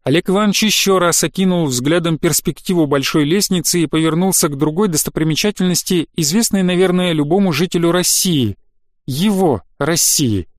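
Male audiobook narrator, steady storytelling, fairly high voice, dead-dry booth. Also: no room sound. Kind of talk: scripted narration.

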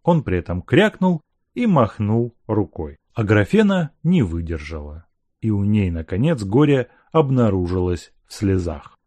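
A man reading a classic novel aloud as an audiobook narrator, with expressive storytelling. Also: lowish voice, unhurried, no echo. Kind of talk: scripted narration.

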